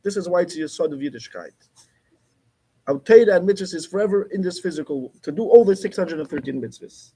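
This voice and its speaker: A man's voice: high-pitched, animated, fast talker, warm tone, husky. A man teaching a class, explaining emphatically and repeating his key points. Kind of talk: Torah class lecture.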